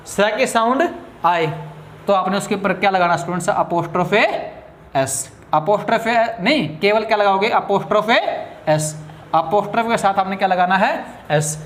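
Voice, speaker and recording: A man teaching English grammar with a Hindi accent, asking his students questions and answering them himself, drawing key words out slowly. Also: high-pitched, a bit bright. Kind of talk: classroom lecture. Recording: echoey room.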